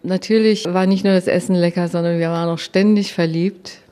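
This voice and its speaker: An older woman telling a personal story in a lively way, often quoting her own thoughts. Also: on the low side, a little fast.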